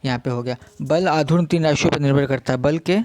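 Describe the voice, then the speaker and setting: A young man teaching a casual exam-prep physics lesson, speaking slowly and repeating himself, constantly checking in with his listeners. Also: fairly high pitch, darkish tone, no room sound. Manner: slow, repetitive, checks in with "theek hai" constantly.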